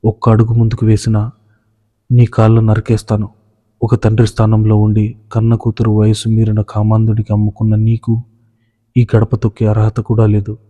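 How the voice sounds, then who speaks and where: A man's voice: fairly low pitch, monotone, normal speed, dark tone, natural voice. A man playing a wealthy young husband who roars in anger and turns sarcastic. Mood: furious. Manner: roaring, sarcastic. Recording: long hall reverb.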